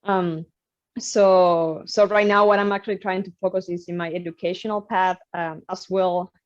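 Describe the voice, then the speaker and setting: Young cuban woman, lowish voice, dull lo-fi sound, lots of ums. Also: fairly even intonation, normal speed. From Cuba. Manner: thoughtful, many fillers and restarts. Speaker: guest musician. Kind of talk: casual interview.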